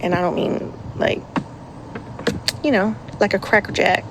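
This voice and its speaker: A woman in her thirties chats casually to her vlog audience at an unhurried pace. She laughs often and slips in sarcastic asides. Faint background noise sits under her voice. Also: medium pitch. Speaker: vlogger and mother. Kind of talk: casual chat.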